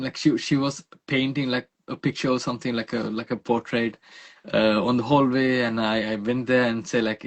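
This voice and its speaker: A young man from Sri Lanka, talking in a relaxed, rambling way with fillers and laughs. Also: mid-range voice. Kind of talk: casual interview conversation.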